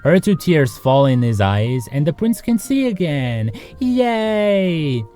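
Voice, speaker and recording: A man hosting a video series narrates in a sarcastic, joking style with a lively, swooping delivery, often slipping into casual asides to the viewer. His voice is on the high side and slow, with soft music underneath.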